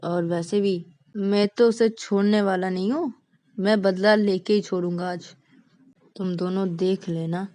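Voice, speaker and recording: A woman's voice: mid-range voice, steady tone, unhurried, dark tone, lightly acted. A woman voicing a stubborn young man who speaks curtly and dismissively. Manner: curt, dismissive.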